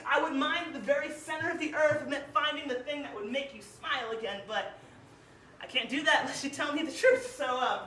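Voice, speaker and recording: A woman's voice: sits high, fairly quick, a bit bright, slight background noise. A young woman from Ohio performing spoken word poetry in a small venue, emphatic and emotional, with lots of "like"s. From Cleveland, Ohio. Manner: emotional, emphatic delivery with many "like"s. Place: small live music venue. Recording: roomy echo, heard from a distance.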